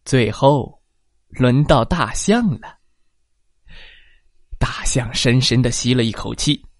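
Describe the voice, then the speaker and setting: A storyteller reading a children's story aloud, slow and expressive, adding sound effects. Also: medium pitch, no echo, studio quality.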